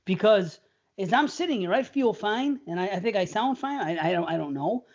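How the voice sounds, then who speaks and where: Over a remote call, a man co-hosts a casual horror podcast, bantering in a high, expressive voice at a moderate pace. He rambles, stammers, and laughs often, and the audio sounds dull.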